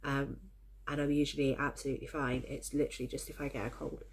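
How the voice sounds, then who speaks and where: Fast and husky, a bass-deep voice with a level tone belongs to a crafting vlogger. She's got a head cold, sounding a bit stuffed up and coughy, as she chats cheerfully and ramblingly to her viewers on camera.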